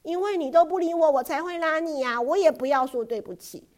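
Woman narrator doing a sulky, stubborn little girl for a storybook, high and shouty. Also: big pitch swings, moderate pace. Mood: defiant. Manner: loud, protesting, high-pitched.

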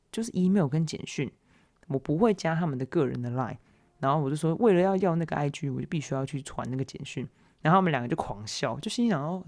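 Animated young man storytelling. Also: fairly high pitch. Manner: animated, laughing, self-mocking retelling of awkward moments. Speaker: podcast host. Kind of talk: casual solo storytelling.

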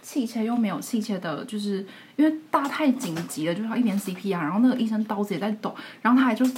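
A woman, co-hosting a podcast and telling work stories in a lively way, acting out the quoted dialogue. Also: medium pitch, quick pace, a little hiss or hum. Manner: lively, acts out quoted dialogue, laughs often. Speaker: podcast co-host, nurse. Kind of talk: casual storytelling chat.

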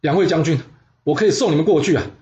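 A man's voice: a little high, quick pace, dark tone, dull audio, a little hiss or hum, natural voice. A man voicing an eager, selfless young soldier who speaks in a rush.

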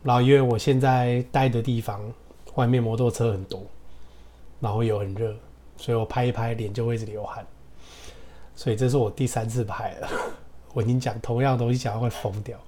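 A man with a Taiwanese Mandarin accent teaching English casually, drilling words slowly and laughing as he goes. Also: medium pitch, little pitch movement, dark tone, a little hiss or hum. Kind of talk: casual podcast English lesson. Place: hot room with motorbike traffic outside.

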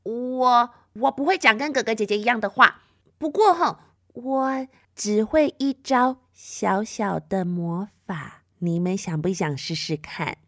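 A woman's voice: a little high, measured pace, a bit bright, no room sound, studio quality. A woman voicing the youngest child of a witch, a mischievous girl who giggles and speaks sheepishly.

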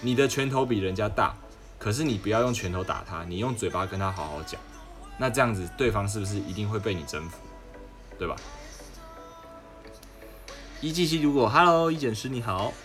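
A man's voice: lowish voice, animated, brisk, pauses often, a bit bright. A young man with a Taiwanese Mandarin accent, chatting casually as a stream host and telling stories, sometimes mimicking others in a raised voice. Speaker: livestream host. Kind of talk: casual chat. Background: background music.

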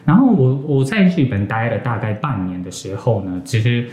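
A man's voice: mid-range voice, sing-song, moderate pace, warm tone. A young man from Japan speaking Mandarin as a second language with a Japanese accent and a slight Taiwanese influence, hesitantly searching for words as a podcast guest. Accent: Japanese accent in Mandarin, with some Taiwanese influence. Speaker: interview guest, graduate student. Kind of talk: casual podcast interview. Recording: roomy, echoey sound.

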